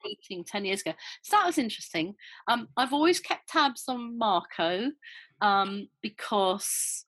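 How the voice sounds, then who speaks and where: An older woman chats through an interview about her old band days, rambling and circling back with fillers and restarts. Her voice sits at a middle pitch and is recorded close and dry. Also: expressive, a little slow, a bit bright, no room sound, low-quality recording. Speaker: interview guest, former band member. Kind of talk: casual interview chat.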